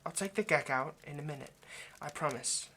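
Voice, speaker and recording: A man with a slightly high voice speaks a little fast, bright and forceful, playing a nervous vampire kidnapper centuries old in an intimate ASMR roleplay. He hesitates, stammers and apologizes to the listener, sounding flustered and regretful. Faint background noise is audible.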